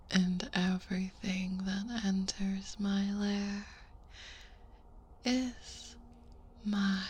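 A woman voicing a hungry, possessive female dragon in a whispered audio roleplay, slow and predatory. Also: medium pitch, slightly rough. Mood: possessive teasing.

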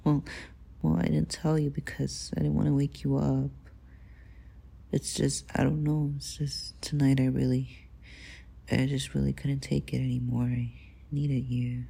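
A young woman murmurs close to the mic, slow and hesitant, slipping often into whispers. Her voice sits very low, with a heavy gravelly fry and a dark, mellow tone, as in an intimate ASMR roleplay. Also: little pitch movement.

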